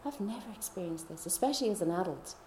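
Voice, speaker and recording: A woman telling a personal faith story in a chatty way, laughing often and dropping into soft whispers. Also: on the low side, animated, quick pace, reverberant, noisy background. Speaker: speaker.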